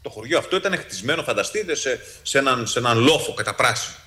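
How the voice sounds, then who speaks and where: A man, a psychologist, telling a story to an audience in a lively way, with many restarts and sudden jumps in pitch for quoted speech.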